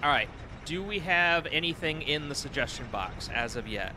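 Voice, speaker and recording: A man's voice: fairly high pitch, animated, moderate pace, bright, forceful tone, a little hiss or hum. A man giving casual gameplay commentary as a streamer, rambling and swearing.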